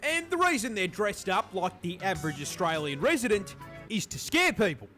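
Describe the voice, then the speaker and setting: A woman narrator with a bright, lively voice that moves widely in pitch. She delivers comedic scripted narration in a sweary, exasperated way over faint music. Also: normal speed. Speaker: video narrator.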